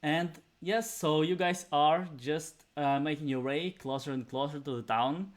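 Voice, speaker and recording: A man's voice: fairly high pitch, unhurried. A man narrating as game master, hesitant and heavy on fillers.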